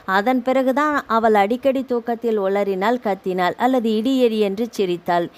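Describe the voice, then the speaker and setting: A woman reading a novel aloud as audiobook narrator in a steady storytelling delivery. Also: a little high.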